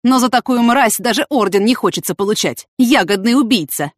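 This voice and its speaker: A woman voicing a loud, mocking male police lieutenant who shouts accusations. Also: a little high, fairly quick, dry recording, studio quality, voice pushed up, lightly acted. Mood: mocking, shouting.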